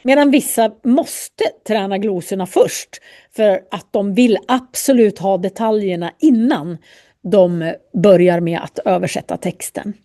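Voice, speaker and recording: A woman teaching a language lesson, calmly explaining ways to study and repeating sounds to demonstrate them. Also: medium pitch. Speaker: Swedish teacher.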